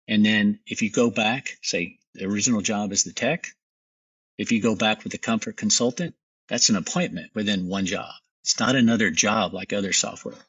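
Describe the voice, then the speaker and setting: A man's voice: lowish voice, a bit bright, husky, no room sound, distant mic, muffled recording. A middle-aged man, a company founder, talking confidently and emphatically as a guest in a business interview.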